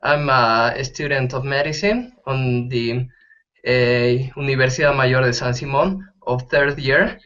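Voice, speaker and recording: A young man from Bolivia, a medical student, introducing himself slowly with restarts. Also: medium pitch, steady tone, fairly bright tone. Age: young adult. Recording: dull online call audio.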